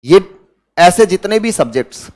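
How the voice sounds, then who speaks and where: A man's voice: sits high, expressive, normal speed, a little mellow. A man with an Indian accent giving a grammar lecture in a classroom, who asks his students questions and then answers them himself. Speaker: English teacher.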